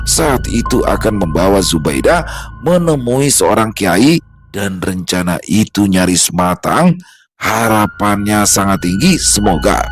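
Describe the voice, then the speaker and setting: A man narrating a horror story in a slow, somber, measured way. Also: on the low side. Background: background music.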